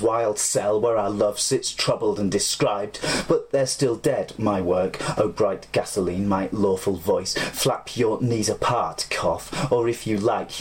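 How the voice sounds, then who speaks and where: A man reciting fragmented, surreal spoken-word poetry in an incantatory way, breaking off to correct himself. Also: on the low side.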